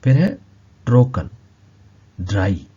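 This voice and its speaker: A man teaching a language lesson, slowly repeating each word several times. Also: medium pitch, sing-song, dark tone, husky, muffled recording. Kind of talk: explaining vocabulary lesson.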